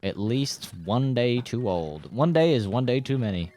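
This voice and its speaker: A man's voice: medium pitch, very animated, a little slow, dark tone, soft background music. A young man chatting casually as co-host, rambling and joking crudely, with frequent restarts. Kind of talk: casual chat.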